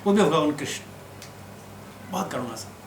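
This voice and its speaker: A man teaching scripture as a sermon, telling stories lively and acting out the quotes. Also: fairly high pitch, normal speed. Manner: animated storyteller who acts out quotes. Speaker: spiritual teacher. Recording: echoey room with background noise.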